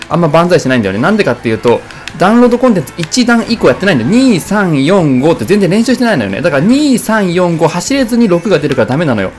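A young man doing casual let's-play commentary, rambling and joking while reacting loudly to the race. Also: a little high. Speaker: gameplay commentator.

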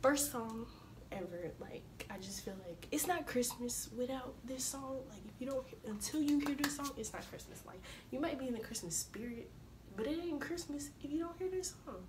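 A young woman vlogging casually to her viewers, her voice slightly hoarse from a cold, chatting informally and calling them y'all. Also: high-pitched, animated, moderate pace, background noise. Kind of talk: casual vlog chat to camera.

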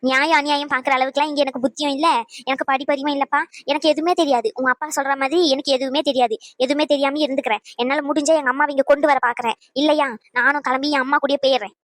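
Woman voicing a high emotional cartoon mother. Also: steady tone, rapid-fire, no room sound, clean studio sound, lightly acted. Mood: defiant. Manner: pleading, emotional, defiant. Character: emotional young mother Reshma, defiant and tearful. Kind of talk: cartoon voice acting.

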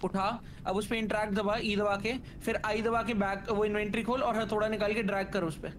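High voiced guy in a gaming call, kinda frantic, rushing thru instructions. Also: slight background noise. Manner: excitable, hurried explaining. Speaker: gaming teammate. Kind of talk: casual gaming chat.

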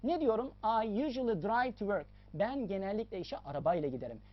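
A woman teacher explains a lesson in a lively, sing-song way, her pitch rising and falling a lot as she stresses and repeats key points. The recording sounds a little dull and lo-fi. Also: fairly quick. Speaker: English teacher.

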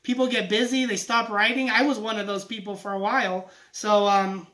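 A man's voice: high voice, level tone, fairly quick, sharp tone, poor audio. A man hosting a casual vlog, talking in an upbeat, chatty way. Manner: upbeat and chatty, often laughing. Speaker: vlog host. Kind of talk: casual chat about autograph mail.

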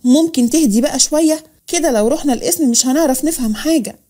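A woman voicing a calm, firm young police officer with an Egyptian accent. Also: high-pitched, fast talker, close to an everyday voice.

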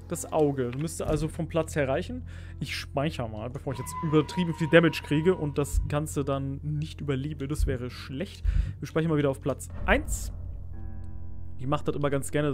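A man commenting casually while playing a horror game, easily startled and pleading with the enemies on screen. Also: fairly high pitch. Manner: jumpy, pleading and squealing at enemies. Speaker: let's play gamer.

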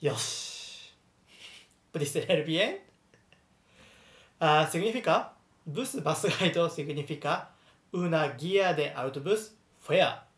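A Japanese man in his twenties with a Japanese accent, teaching a casual language lesson in slow, careful learner's Spanish. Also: on the high side, expressive, a bit bright, reverberant. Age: 20s.

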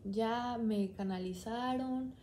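A woman's voice: on the high side, slow pace, warm tone, slight background noise. A young woman, chatting and rambling as she tells a personal story on her vlog. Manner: chatty, rambling, quoting herself often. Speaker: vlogger.

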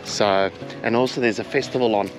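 A man's voice: on the low side, steady tone, brisk, music in the background, rough recording. An Australian man in his forties chatting casually to the camera as a travel vlogger, in a laid-back, rambling, colloquial way. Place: outdoors on a beach, some talk in a car. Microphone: handheld action camera at arm's length.

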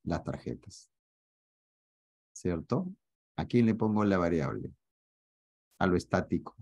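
A man teaching math in an online class, joking with his students and asking often whether it is clear. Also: low-pitched, animated, takes it slowly, darkish tone. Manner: joking, teasing, asks students to confirm often.

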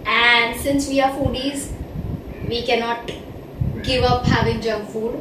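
A woman's voice: on the high side, steady tone, slow. A woman in her twenties from India, chatting casually as a vlogger, talking with her hands while sitting in a bedroom. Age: 20s. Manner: chatty, gestures with both hands. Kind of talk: casual Q&A chat. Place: bedroom, indoors. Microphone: far camera. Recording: echoey room, far from mic, loud hiss.

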